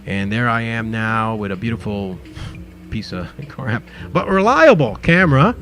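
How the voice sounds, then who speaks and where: A man hosting his own show in a rambling, informal and opinionated monologue, halting and then stressing words emphatically. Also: lowish voice, big pitch swings, fairly bright tone, soft background music. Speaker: host of a local online show.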